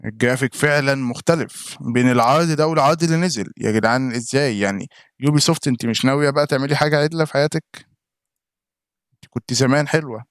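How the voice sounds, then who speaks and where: Fast-talking Egyptian man streaming games. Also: mid-range voice, smooth, no echo, clean studio sound. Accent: Egyptian Arabic. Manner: chatty, talks straight to viewers in chat by name. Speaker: gaming live streamer. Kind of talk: casual live-stream reaction commentary.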